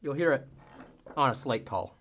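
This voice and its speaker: A hunting-call instructor gives a relaxed how-to lesson in a folksy manner, imitating animal sounds with his voice to demonstrate. He speaks at a moderate pace in a mid-range, slightly bright, expressive voice.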